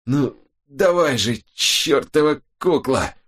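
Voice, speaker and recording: A man voicing a tough young woman detective, speaking higher, slower and in clipped phrases. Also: a little mellow, natural voice. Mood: tense, sharp. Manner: raised pitch, slowed, clipped.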